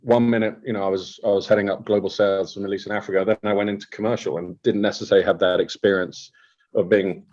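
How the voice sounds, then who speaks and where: Deep male guest, slightly dull recording. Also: fairly even intonation, fast, a little mellow. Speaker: interview guest. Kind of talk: casual interview chat.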